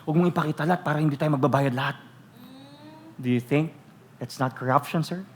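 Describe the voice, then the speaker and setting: Filipino man preaching, high voice, teasing rhetorical questions, loud acted-out quotes. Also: fairly quick, a little hiss or hum. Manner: switches between Tagalog and English, acts out quoted voices loudly. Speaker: pastor. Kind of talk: sermon.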